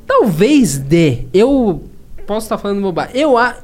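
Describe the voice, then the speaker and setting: A man's voice: high voice, very animated, unhurried. A man from southern Brazil, a podcast guest, chatting casually in laid-back slang. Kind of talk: casual chat. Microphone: studio podcast mic.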